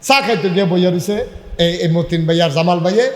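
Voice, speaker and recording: A man preaching a sermon, loud and emphatic, shouting out to the crowd and drawing answers back from them. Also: high-pitched, racing. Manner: calls and answers with the audience. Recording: echoey hall with long reverb.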